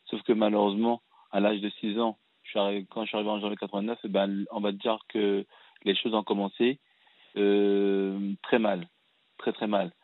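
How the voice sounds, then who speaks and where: A man in his thirties from Cameroon calls in to a radio program. He speaks in a low, rather even voice, earnest and halting, often restarting his sentences. The sound is tinny and narrow like a telephone line, with no room echo. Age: 30s. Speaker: caller. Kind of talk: phone-in personal testimony.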